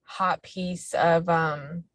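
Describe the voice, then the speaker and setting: A woman's voice: fairly low pitch, fairly even intonation, very slow, dry recording. A young woman calling in while driving her car, speaking hesitantly with many restarts and ums. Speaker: community meeting participant. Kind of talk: casual discussion on a video call. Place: inside a car.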